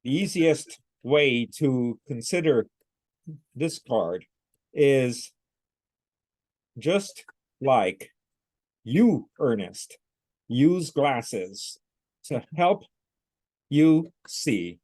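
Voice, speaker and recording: A man doing a slow robot-like reading voice. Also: mid-range voice, expressive, darkish tone, no room sound. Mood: measured. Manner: slow halting word-by-word delivery. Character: father reading son's typed words, robot-like.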